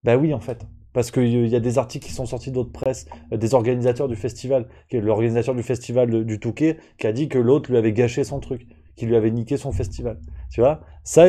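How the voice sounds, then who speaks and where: A man with a dark, mellow voice rants through a live-stream press review. His talk is casual and sarcastic, full of fillers, restarts and open irritation. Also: mid-range voice. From France. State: annoyed.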